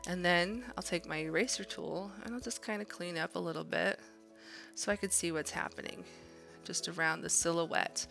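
This art instructor, a woman, has a lowish voice with a fairly bright tone. She narrates a casual drawing demo, encouraging her audience and thinking out loud as she draws.

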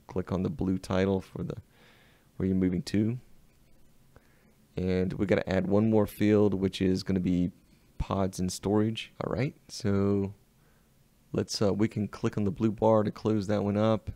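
Man, Southern US accent, web design tutorial narration, unhurried step-by-step, dark mellow tone, dry close sound. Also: low voice, flat delivery, no echo. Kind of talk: screen-recorded software tutorial.

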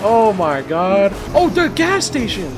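A young man chatting with friends while gaming, swearing casually, excitable and prone to panicky yelling and laughter. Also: high voice, slow pace. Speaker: gamer playing an online shooter with friends. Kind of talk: excited, profane casual chat during gameplay. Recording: loud game and vehicle noise behind.

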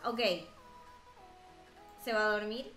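A woman's voice: on the high side, fairly bright tone, reverberant, faint music behind. A woman, chatting and joking while reacting to a cartoon story. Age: 20s. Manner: chatty, amused, quick asides. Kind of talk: casual reaction commentary.

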